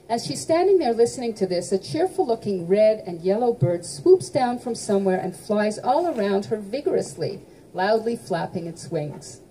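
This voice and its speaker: A woman author reads her own novel aloud, lively and expressive. Her voice is mellow and sits at a middle pitch. Faint noise from the room is heard behind her. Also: poor audio. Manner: lively, sings out musical notes. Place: bookshop event.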